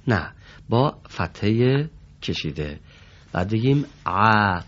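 A low-voiced man leads a Quran reading class, patient and formally polite. He carefully says letter sounds aloud for his students to repeat. The recording is dull and lo-fi. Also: sing-song, fairly bright tone. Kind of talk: classroom instruction.

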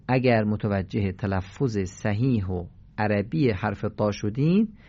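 A man's voice: on the low side, lo-fi sound. Patient male radio recitation teacher. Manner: patient, demonstrates sounds with emphatic repetition. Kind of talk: radio lesson on pronunciation.

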